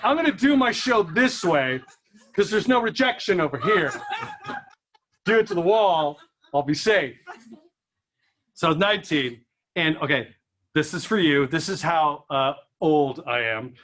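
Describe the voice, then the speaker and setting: A male comedian working a small live room, his voice pitched high and ringing bright. He tells a self-deprecating story in a lively way and plays out his own thoughts in quoted asides. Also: a little slow, pauses often. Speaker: stand-up comedian. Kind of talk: stand-up comedy set.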